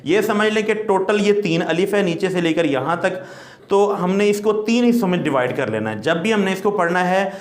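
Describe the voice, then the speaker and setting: Male recitation teacher, high voice, patient explainer with long drawn-out sound demos, echoey room. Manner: explains patiently, then draws out letter sounds as long demonstrations. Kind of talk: classroom lesson.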